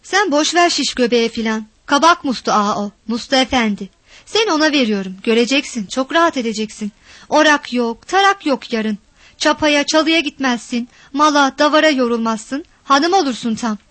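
A woman voicing a harsh, violent village father who shouts, curses and threatens. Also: high-pitched, expressive, normal speed, dry recording. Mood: coaxing.

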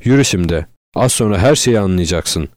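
A man's voice: sits low, expressive, moderate pace, a little mellow, dry recording. A man voicing a cruel, unstable male killer who growls his words with contempt. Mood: menacing.

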